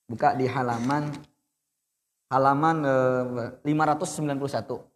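A man's voice: mid-range voice, fairly even intonation, moderate pace, big-room sound. A young man teaching adults to read the Quran, patiently correcting their recitation. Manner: patient, corrective, demonstrates then explains.

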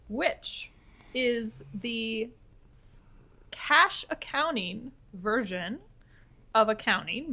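A woman's voice: medium pitch, sharp tone. A young woman co-hosting a podcast, teasing and playful as she learns about investing. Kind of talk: casual podcast chat.

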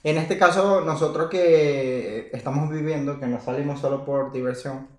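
A Venezuelan man co-hosting a podcast, speaking in a relaxed, earnest way about living abroad. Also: on the high side, moderate pace, echoey room. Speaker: podcast co-host. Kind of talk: casual chat.

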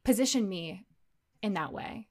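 A woman's voice: mid-range voice, animated, unhurried, a little mellow. A woman hosting a podcast interview, listening closely with short affirmations and follow-up questions. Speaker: podcast host.

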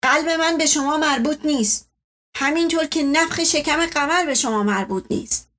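A woman voicing an irascible, paranoid old family patriarch who shouts accusations. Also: high-pitched, pitched above the performer's own voice. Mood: indignant.

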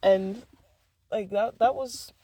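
A woman vlogger speaks frankly and loosely, swearing freely as she tells a personal story. Her talk is full of fillers and restarts, and her pitch sits in the middle. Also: slow, mellow, highs cut off, a little hiss or hum. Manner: frank and profane, with lots of fillers, restarts and bursts of laughter.

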